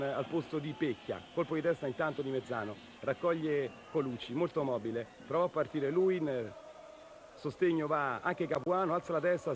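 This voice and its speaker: A man delivering running live football commentary, following the play as it unfolds. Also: on the high side. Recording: clear outdoor stadium noise.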